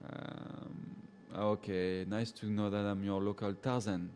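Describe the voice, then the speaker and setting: Speaking slowly in a lowish voice, this French-accented man, a safari guide from a French-speaking background, reads live viewers' comments aloud and responds to each by name. He's relaxed, chatty and quick to laugh, and there's slight hiss or hum on the recording.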